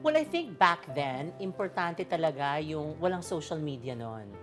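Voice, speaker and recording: A woman's voice: sits low, sing-song, moderate pace. A woman speaking with an American-tinged Filipino accent, a chatty and playful interview guest who mixes English and Tagalog. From Philippines, raised in the United States. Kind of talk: casual Taglish chat. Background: background music.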